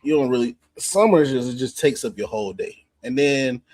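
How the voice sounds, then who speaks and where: A man's voice: mid-range voice, normal speed, a little mellow. A man co-hosting a casual sports podcast, bantering about football with jokes and laughter. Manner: joking, laughing, profane banter. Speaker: podcast co-host, former juco football player.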